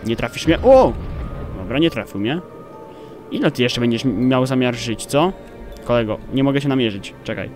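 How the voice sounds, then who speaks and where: A young man, commentating his gameplay with excited outbursts and swearing. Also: mid-range voice, normal speed. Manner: excitable, exclaiming and swearing at the game. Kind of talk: let's play commentary. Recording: game music playing behind.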